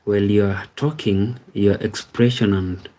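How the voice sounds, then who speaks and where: A man with a Kenyan accent hosts a relaxed live stream, greeting viewers, reading their comments aloud and thanking them by name. His low, mellow voice keeps a level, unhurried intonation that rarely rises or falls, and he's easygoing, repeating words like "amazing, amazing."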